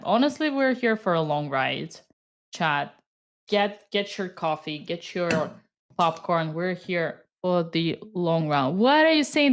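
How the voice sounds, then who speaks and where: A woman with a Romanian accent giving live chess commentary to her chat, excitable and cheering at good moves. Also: low voice.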